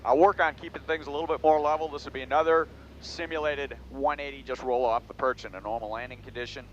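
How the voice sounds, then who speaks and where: A man's voice: mid-range voice, steady tone, fast talker. A man giving technical in-flight commentary as a pilot, matter-of-fact, with clipped procedural callouts from a small airplane cockpit. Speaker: pilot demonstrating flight maneuvers. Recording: dull audio, loud aircraft cabin noise. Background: engine and cabin drone.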